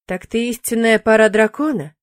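A woman's voice: fairly high pitch, moderate pace, no room sound, clean studio sound, natural voice. A woman voicing a playful, teasing young male demon in an audiobook, in a cheeky, bantering manner.

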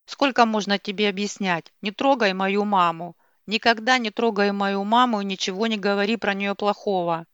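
A woman's voice: medium pitch, animated, moderate pace, hardly any pauses, no room sound, lightly acted. A woman doing an enraged young husband. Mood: angry. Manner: snapping, shouting back. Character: angry young husband, tense and shouting. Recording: dull dry lo-fi recording.

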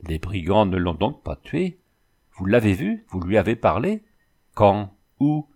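A man's voice: lowish voice, expressive, moderate pace, lightly acted. A man voicing a boisterous, flirtatious former cavalry soldier who talks in boastful, rattling exclamations. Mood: excited.

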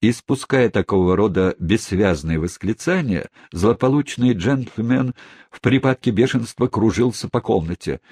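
Husky low male audiobook narrator. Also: moderate pace, no room sound, clean studio sound. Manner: expressive storytelling. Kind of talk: scripted narration.

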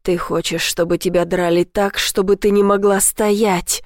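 Brief: woman doing a possessive young male lover for an audiobook, husky low murmur, dry close sound. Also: little pitch movement, unhurried, dry recording, natural voice. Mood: rough.

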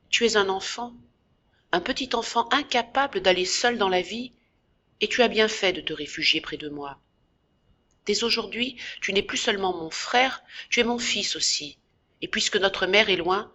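A woman voicing a tender young man who comforts his younger brother, speaking softly and reassuringly in an audiobook. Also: mid-range voice, highs cut off. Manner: soft, reassuring, slightly trembling. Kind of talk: audiobook character voice.

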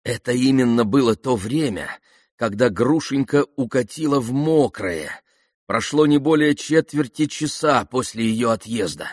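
A man narrating a classic novel as an audiobook, reading in an expressive, dramatic way. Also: mid-range voice, measured pace, no echo, clean studio sound. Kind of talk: scripted narration.

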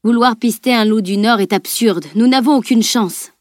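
A woman reading an audiobook, voicing a steady, practical male warrior in a firm, matter-of-fact tone. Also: a little high, moderate pace, no room sound, clean studio sound, natural voice. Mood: grave.

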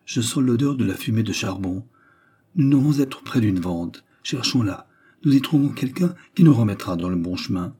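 A man's voice: mid-range voice, lively intonation, normal speed, mellow, breathy edge. A man reading aloud, voicing a moody, sarcastic young man who questions insistently. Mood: practical. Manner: insistent, half-ironic questioning.

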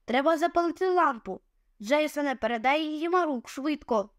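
A woman's voice: high-pitched, fairly quick, no echo, studio quality, voice pushed up, lightly acted. A woman voicing a jittery young boy companion who gives urgent orders in a storybook reading.

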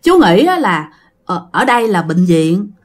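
Lively Southern Vietnamese woman telling a ghost story. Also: medium pitch, a little slow. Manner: chatty, addressing listeners directly.

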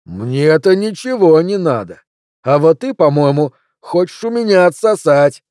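A man's voice: fairly high pitch, big pitch swings, normal speed, darkish tone, no echo, clean studio sound. A man voicing a teenage boy bully who drawls lazy, insinuating threats. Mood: menacing.

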